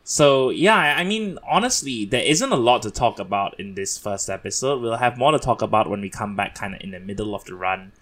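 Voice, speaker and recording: Guy from singapore hosting a podcast, kinda low voice, chatty, laughs a lot. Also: animated, brisk, few pauses, a bit bright. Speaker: podcast host. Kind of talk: casual podcast chat.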